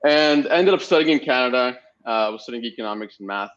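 A man's voice: mid-range voice, fast talker, a bit bright. Man from Spain, casual rambling storyteller. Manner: rambling storytelling with frequent fillers. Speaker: guest. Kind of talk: casual podcast interview. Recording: slightly dull lo-fi audio.

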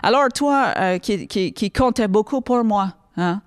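A woman's voice: low voice, level tone, clear, resonant tone, dry recording, studio quality, voice pushed down. Woman doing a mock English-accented poem recital. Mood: mock solemn. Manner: halting and drawn out, with hesitations.

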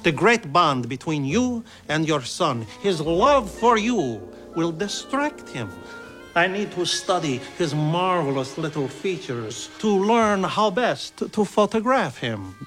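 An actor playing a sleazy kidnapper posing as a French photographer, with a put-on French accent and smooth, overly formal talk. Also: male voice, a little high, very animated, takes it slowly, fairly bright tone, soft background music, heavily acted. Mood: oily persuasion. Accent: fake French. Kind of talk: film dialogue.

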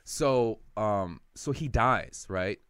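A man's voice: fairly low pitch, lively intonation, drawn-out words, a bit bright, clean tone, no room sound. Guy telling a messy family story on a podcast, swears a lot, does little voices for people, dry room. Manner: rambling, profane, acts out quotes.

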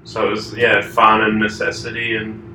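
A man's voice: on the low side, monotone, moderate pace, bright, forceful tone. An Australian surfboard shaper in his thirties, answering interview questions in a laid-back, rambling way. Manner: laid-back, trailing filler-heavy answers. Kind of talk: casual conversational interview. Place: echoey shaping room indoors. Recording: echoey distant room recording with faint noise.

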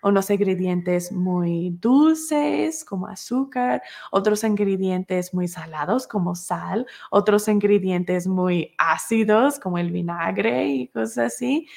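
Gravelly-voiced woman teaching a class. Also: mid-range voice, lively intonation, slow pace, a little mellow. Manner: explains with homely examples, repeats words for emphasis. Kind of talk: recorded class lesson.

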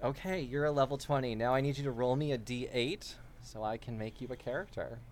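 Man running a tabletop game, laid-back, slow narration, mid pitch. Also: a little hiss or hum. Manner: relaxed, laughing, slow deliberate narration. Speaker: game master.

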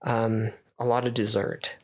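A man's voice: mid-range voice, level tone, unhurried. A man in his thirties co-hosting a casual chat, telling rambling stories with plenty of ums and uhs. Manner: easygoing, rambling storyteller with frequent fillers. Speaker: podcast co-host.

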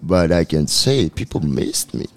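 A man's voice: low voice, very animated, measured pace, a crowd in the background. A man with a Cape Town South African accent talking casual, boastful hype in street slang mixed with Afrikaans phrases, like a rapper guest. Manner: boastful, swaggering.

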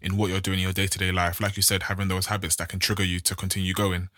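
Low, bright-voiced male podcast host. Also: completely flat delivery, racing. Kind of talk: casual reflective conversation.

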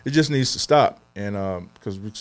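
A man's voice: lowish voice, moderate pace. A young adult man co-hosting a podcast, talking earnestly in casual chat, with many fillers and restarts. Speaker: podcast co-host.

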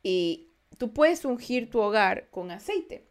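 A young woman hosts a podcast and tells ghost stories in a casual, animated way. Her voice sits a little high, and she shouts out the quoted lines, then drops into quiet, reflective stretches. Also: slow. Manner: animated, acts out quotes with loud bursts; frequent restarts, turns quiet and reflective. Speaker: podcast host. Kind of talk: casual storytelling.

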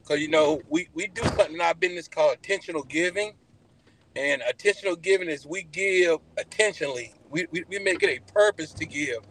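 High-voiced Southern man telling folksy stories. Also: a little fast, slight background noise, poor audio. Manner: animated, folksy, repeats phrases for emphasis. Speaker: podcast guest, barbecue pitmaster. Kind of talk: casual storytelling interview.

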